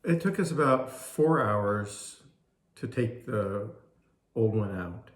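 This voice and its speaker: An older man with a somewhat low voice chats casually in a roomy, echoing space. His replies are short, agreeable and a bit hesitant. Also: animated, slow. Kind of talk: casual chat. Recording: roomy, echoey indoor sound.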